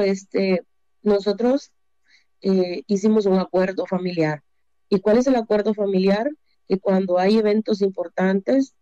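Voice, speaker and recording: Salvadoran woman in her fifties, counsels on relationships, asks and answers her own questions, warm voice, dry room. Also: mid-range voice, no room sound. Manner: asks rhetorical questions and answers them, hesitant fillers. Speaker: relationship speaker. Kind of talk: relationship advice talk. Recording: dull lo-fi dry recording.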